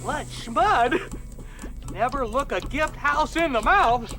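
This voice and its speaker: A squawking, easily scared chicken-man talks high and slow in a wildly swooping voice. Music from the cartoon plays underneath. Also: animated, fairly bright tone, full character voice. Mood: jittery. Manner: panicky, squawking. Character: jittery male human-chicken, easily scared.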